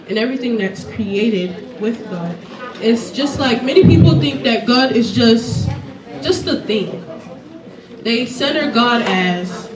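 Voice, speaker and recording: A young woman contestant answering questions on stage in an earnest, hesitant way, with Yoruba family roots. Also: on the high side. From Nigerian family, Yoruba. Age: young adult. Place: large hall. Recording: roomy hall from far off with crowd.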